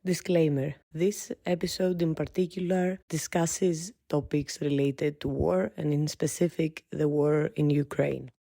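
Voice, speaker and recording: A woman hosting a podcast, reading the intro and asking questions in a calm, measured way. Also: low-pitched, creaky. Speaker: podcast host.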